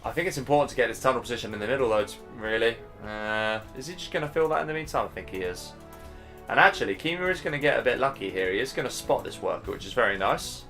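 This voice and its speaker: A man's voice: mid-range voice, expressive, fast talker, sharp tone, soft background music. A man casting a live strategy game match, chatty and casual, thinking aloud and sounding tired. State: tired, yawning. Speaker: game caster.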